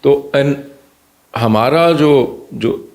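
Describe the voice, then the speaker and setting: Doctor guy, gravelly voice, animated, throws in english bits. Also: mid-range voice. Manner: animated, slips into Punjabi and English phrases. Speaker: pediatrician guest. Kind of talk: conversational explanation.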